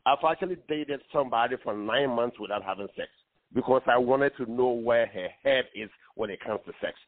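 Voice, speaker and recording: A man in his forties from Ghana, calling in to a radio talk show, speaking earnestly with many pauses and fillers. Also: medium pitch, no room sound. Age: 40s. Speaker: caller. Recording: tinny phone line.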